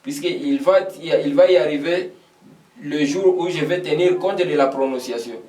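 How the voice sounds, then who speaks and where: A man's voice: a little high, normal speed, a little mellow, recorded from a distance. Man teaching English in an echoey room. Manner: patient, repeats phrases many times, checks understanding. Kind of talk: classroom lesson explaining English in French.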